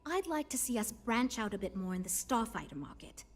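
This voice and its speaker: A tired but earnest game ship designer, kinda high voice, wry and patient. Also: female voice, big pitch swings, brisk. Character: weary but earnest woman starship designer. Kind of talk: video game character dialogue.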